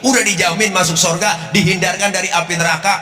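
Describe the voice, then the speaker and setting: A man preaches a comic sermon, joking in slang and drifting into sing-song. His voice sits a little high and bright. It rings with a long hall reverb, with faint music behind. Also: fairly even intonation, quick pace.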